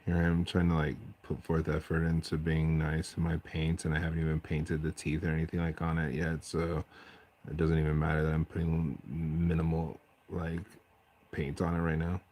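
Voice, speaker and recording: Deep, gravelly-voiced man chatting. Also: monotone, moderate pace, a little mellow. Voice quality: deep bass voice. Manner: rambling, self-interrupting, chatty. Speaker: streamer painting miniatures. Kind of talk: casual late-night stream chat. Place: at home at night, family asleep.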